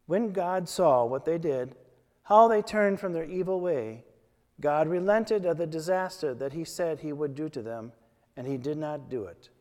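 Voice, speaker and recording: A man with a fairly high voice leads prayers and reads scripture in a measured, solemn manner. His words ring out with a cathedral echo, trailing a long reverb through a large church. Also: darkish tone. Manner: measured, solemn reading aloud. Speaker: officiant leading worship. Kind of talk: liturgical prayer and scripture reading.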